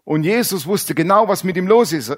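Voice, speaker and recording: Blunt, animated male preacher. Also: high-pitched, fairly quick. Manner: blunt, animated, acts out quoted characters, drops to quiet asides. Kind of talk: sermon.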